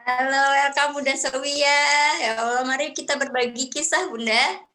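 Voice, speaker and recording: A woman's voice: sits high, steady tone, moderate pace, pushed and bright, a little hiss or hum. A woman hosting a live chat who welcomes guests and encourages them to share their stories. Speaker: host.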